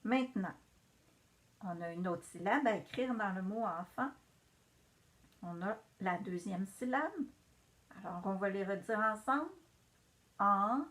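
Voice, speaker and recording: A woman's voice: medium pitch, expressive, measured pace, pauses often. A woman teacher giving a patient, encouraging reading lesson to young children.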